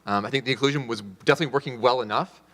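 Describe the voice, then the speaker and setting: A male instructor with a mid-pitched voice, probing with questions while fumbling through fillers and restarted phrases. His voice carries a long hall reverb. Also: rapid-fire, fairly bright tone. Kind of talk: critique discussion.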